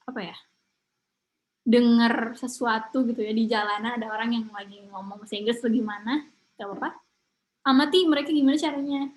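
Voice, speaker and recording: Young woman, slightly high voice, casual online English teacher, chatty. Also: slight background noise, low-quality recording. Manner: chatty, mixes English words into Indonesian.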